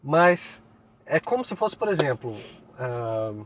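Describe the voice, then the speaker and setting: A man from Brazil giving casual advice as a co-host, chatty and relaxed, laughing often as he talks. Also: a little high, slow pace. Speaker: co-host, Korean teacher. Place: inside a moving car. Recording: faint car noise. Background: faint vehicle noise.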